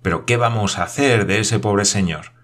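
A man reading aloud, voicing a kindly noblewoman who speaks gently and with sympathy. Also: fairly low pitch, normal speed, lightly acted.

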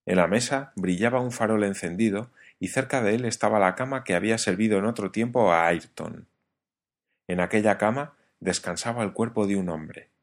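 A man narrating a novel as an audiobook, in a measured storytelling reading. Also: on the low side.

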